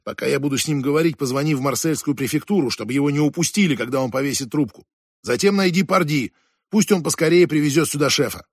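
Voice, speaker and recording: A man voicing a gruff middle-aged police inspector who talks brusquely and impatiently on the phone in an audiobook. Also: fairly high pitch, quick pace, no room sound, studio quality. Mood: commanding. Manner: brusque, impatient, calls the other fool.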